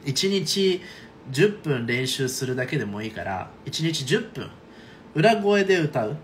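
Lively chatty male voice coach. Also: on the high side, measured pace, a little hiss or hum. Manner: chatty, frequent "right?" and "okay?" check-ins. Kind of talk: casual online singing lesson.

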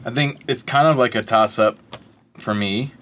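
A man co-hosting a casual taste-test show, tossing out quick jokes and wisecracks. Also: mid-range voice, fairly bright tone, slight background noise. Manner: jokey, quick quips and wisecracks.

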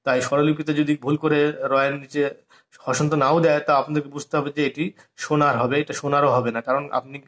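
A man's voice: a little high, a bit bright. A man teaching a harmonium lesson on reading notation, explaining step by step and stopping to sing short phrases and count out beats. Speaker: music teacher.

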